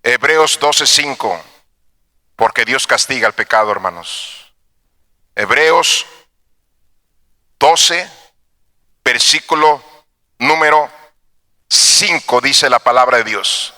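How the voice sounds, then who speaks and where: A male pastor preaching a fervent sermon, swinging from shouted exhortations to low asides. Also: lively intonation, takes it slowly, pauses often, in a large hall.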